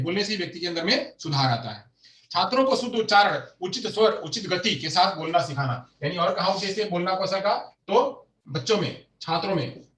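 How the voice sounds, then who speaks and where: High-voiced man teaching in an echoey room. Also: a bit bright, distant mic. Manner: repeats phrases slowly, asks and answers himself. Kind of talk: exam-prep lecture.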